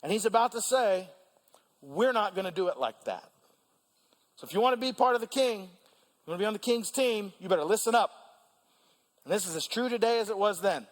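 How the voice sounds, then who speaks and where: Male preacher with a high-pitched voice, lively, prompts the congregation, recorded in a big echoing church. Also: fairly quick, long pauses. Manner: animated, asks the congregation questions. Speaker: pastor. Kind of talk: sermon. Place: large church hall. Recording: long church reverb.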